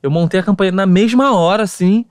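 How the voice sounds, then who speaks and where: A man, a guest author telling stories in a relaxed, slangy podcast chat. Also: high-pitched, fast talker, no echo. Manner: relaxed storytelling, slang-heavy. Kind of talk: casual podcast conversation.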